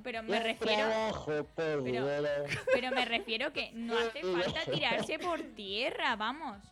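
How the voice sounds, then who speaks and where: A woman's voice: fairly high pitch, lively intonation, a little slow, over a noisy crowd. A young woman with a Spanish accent co-hosting a casual podcast, teasing the host and protesting his jokes. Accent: Spanish from Spain. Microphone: desk microphone on stand.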